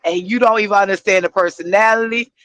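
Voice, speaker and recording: An older woman co-hosting a casual chat, telling lively stories with folksy sayings and frequent laughter. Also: medium pitch, fast. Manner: animated storyteller, folksy sayings, laughs often. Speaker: co-host.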